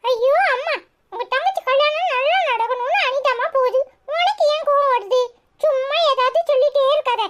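A woman's voice: very high-pitched, moderate pace, a bit bright, a little hiss or hum, voice pushed up. A woman voicing a cheeky, bossy but caring little boy in a cartoon, with a Tirunelveli Tamil accent and chirpy childish chatter. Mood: coaxing.

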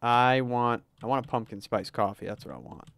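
A man streaming a game, talking along as he plays in a smooth, clear voice. He narrates each move and reads chat aloud at an ordinary middle pitch. The sound is dry and close to the mic. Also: moderate pace, fairly bright tone, no room sound. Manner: chatty, narrates his moves, reads chat aloud, laughs easily. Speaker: livestreamer. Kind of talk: casual gameplay livestream commentary.

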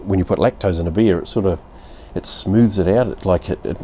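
A man's voice: low voice, fairly quick, mellow, a little hiss or hum. A man in his fifties with a New Zealand accent, casually reviewing a beer at his outdoor home bar in a blunt, rambling way. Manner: laid-back, blunt, rambling with fillers and mild swearing.

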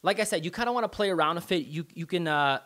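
A man's voice: fairly high pitch, animated, fast, fairly bright tone. A man giving a casual, step-by-step tutorial over a screen recording. He talks in a laid-back, slangy way and swears offhandedly. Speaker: online marketing tutor.

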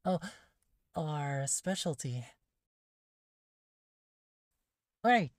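A shy, easily flustered catgirl maid, played by a woman, speaks in a timid, hushed ASMR role-play voice. The pitch sits low and the words come very slowly, with hesitant stops. The sound is close and dry. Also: expressive, dry recording. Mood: shy, eager. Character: shy, flustered catgirl maid waitress craving head pats. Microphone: close, dry microphone.

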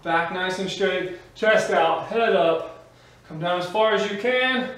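A man's voice: high voice, takes it slowly, a bit bright. A man working as an aerobics instructor, coaching a workout with motivational urging and short called-out cues while exercising. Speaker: fitness instructor. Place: small home gym with bare walls, indoors. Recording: echoey room, distant mic, faint noise.

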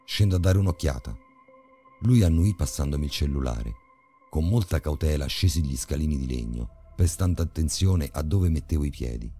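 A man narrating a horror story in a measured, grave way. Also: extremely low pitch, lively intonation, dark tone, faint music behind.

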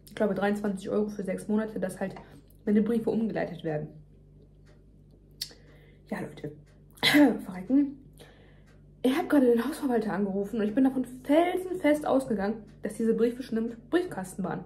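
A young adult woman vlogger vents emphatically to her viewers in casual chat from her home kitchen, chewing as she talks. Her medium-pitched voice is warm, animated and brisk, with a little hiss or hum on the recording.

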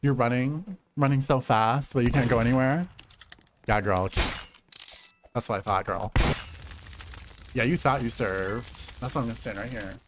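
A man's voice: normal speed, pauses often, noisy background. A man in his late thirties streaming a game, sassy and dramatic, calling everyone girl. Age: late 30s. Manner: swings between low mutters and high squeals. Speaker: gaming streamer. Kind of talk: casual game commentary.

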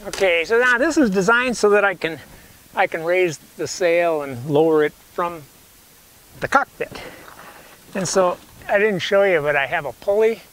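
An older man in his sixties talks through a hands-on demonstration in a loose, folksy way, often restarting and correcting himself. His voice sits a little high. He is outdoors on a lawn, picked up by a camera mic that is sometimes a few steps away. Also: a little slow, a bit bright, a little hiss or hum, rough recording. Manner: rambling, self-correcting, folksy. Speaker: canoe builder showing his rig. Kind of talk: casual how-to demonstration. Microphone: camera mic, sometimes far from camera.

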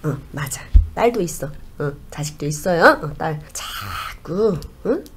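A woman plays a comic fortune-telling shaman, chatty and sing-song, dropping to whispers when relaying messages from the spirits. Her voice sits low and is husky and expressive, at a moderate pace.

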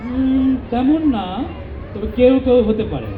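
A man's voice: extremely high pitch, lively intonation, unhurried, some chatter behind. A man presenting a live puppet show to children as its host. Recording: echoey, distant, dull, noisy venue.

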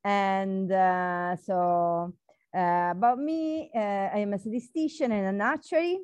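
A woman from Italy with an Italian accent, introducing herself slowly on a video call with many fillers. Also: medium pitch, a little mellow, clean tone, dry recording. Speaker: book club participant. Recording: dull dry call audio.

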